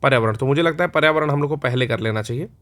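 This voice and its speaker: A man's voice: mid-range voice, racing, a bit bright. A man teaching an exam-prep lecture, chatty and playful, answering his own questions in a mock student voice. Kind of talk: recorded online lecture.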